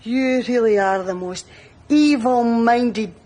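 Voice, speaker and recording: An actress with a Glaswegian accent playing a foul-mouthed, insulting wife in a TV sitcom. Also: female voice, a little high, takes it slowly, dark tone, a little hiss or hum. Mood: venomous. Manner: venomous, insulting. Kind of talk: TV sitcom acting.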